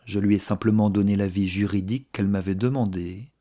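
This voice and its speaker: A man's voice: on the low side, fairly even intonation, a little fast, warm tone, lightly acted. A man reading a novel aloud, voicing an earnest young man who speaks in tense, indignant outbursts. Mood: agitated.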